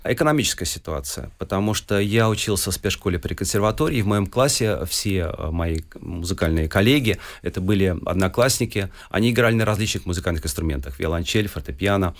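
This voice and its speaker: A man's voice: low-pitched, expressive, quick pace, few pauses. A man in his forties from Russia, a guest musician telling his story at length in an interview, with frequent hesitations.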